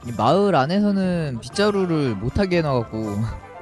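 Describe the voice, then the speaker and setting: A man's voice: on the high side, big pitch swings, racing, a little mellow. A man giving casual game commentary as a streamer, muttering his reactions as he plays. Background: game music.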